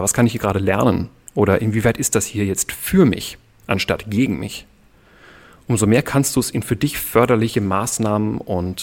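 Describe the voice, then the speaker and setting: Calm, measured German man explaining. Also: lowish voice. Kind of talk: podcast conversation.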